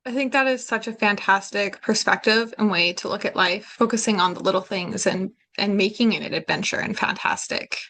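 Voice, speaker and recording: A woman's voice: medium pitch, brisk, few pauses, a bit bright. Affirming woman podcast host. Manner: affirming, long summarizing questions. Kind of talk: interview questions.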